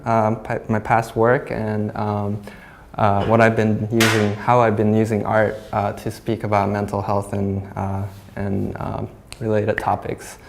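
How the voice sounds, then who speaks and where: A young Japanese man from Hong Kong who works as a glass artist gives a halting gallery talk about his work, full of fillers and restarts. His voice is on the low side, with vocal fry.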